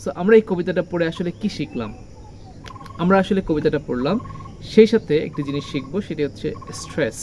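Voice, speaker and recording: In a mellow, expressive voice of medium pitch, an English teacher speaks fairly quickly during a lesson for children, with a little hiss or hum in the audio. Key words are repeated with heavy stress, and the teacher asks and answers questions.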